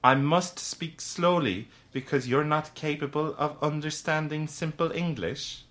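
A man's voice: fairly high pitch, fairly even intonation, fairly bright tone. A man voicing a small, sarcastic male leprechaun who talks down to a girl in a story. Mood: mocking. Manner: sarcastic, scornful, slow and drawn-out when asked. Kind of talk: audiobook character voice.

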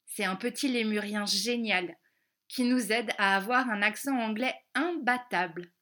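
Slow, careful woman storybook reader. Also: medium pitch, a bit bright. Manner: slow, careful, clearly spelled-out words. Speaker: audiobook reader. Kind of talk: children's storybook narration with English lessons.

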